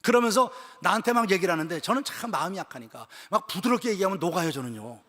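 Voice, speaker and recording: An older man, a pastor, preaching a sermon at a church retreat, telling a story and moving between hushed, almost whispered passages and loud, shouted high points. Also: lively intonation, fast talker. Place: church sanctuary. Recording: long reverb of a large church hall.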